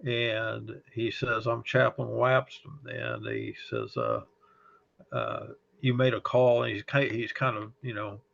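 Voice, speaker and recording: A middle-aged fire service chaplain with a slight Texas accent recounts memories in an interview, unhurried and halting, with frequent pauses and fillers. His mid-range voice is expressive, gravelly and a bit bright, on dull lo-fi audio.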